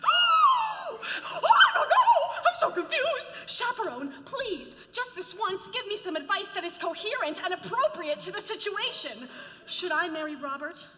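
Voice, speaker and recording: A woman playing a swooning stage bride, very high. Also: big pitch swings, a little slow, pushed and bright, full character voice. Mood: frantic. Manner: theatrical, swooning, exaggerated. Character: dramatic young bride in a stage musical. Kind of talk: stage musical acting. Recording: echoey hall with music, from afar.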